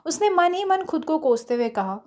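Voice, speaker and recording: A woman narrating a romantic audio story in a smooth, steady storytelling manner. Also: high-pitched, normal speed.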